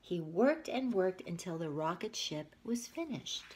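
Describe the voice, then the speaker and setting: Reading a picture book to young children, this woman teacher is expressive and regularly breaks from the story to talk to them and ask questions. Her pitch sits fairly low, with a breathy edge.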